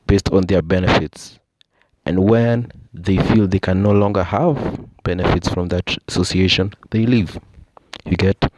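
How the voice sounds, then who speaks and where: A young Kenyan man with a deep, low voice talks through ideas in a relaxed, explanatory monologue. He keeps dropping in "you know" and "I think" as he goes. The sound is close and dry. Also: dry recording. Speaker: podcast host. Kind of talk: casual monologue.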